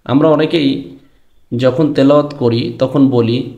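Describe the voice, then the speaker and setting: The sound is lo-fi and echoey as a man instructs students in Quranic letter pronunciation. His voice is medium-pitched, dark and steady, and he speaks to the class directly, drawing out and chanting the letter names between his explanations.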